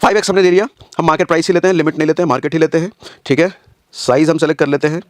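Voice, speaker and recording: Quick, high-voiced man teaching chart trading. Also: fairly even intonation, dry recording, clean studio sound. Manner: explains step by step, repeating points, asking rhetorical questions; casual, calls viewers brother. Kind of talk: screen-share tutorial.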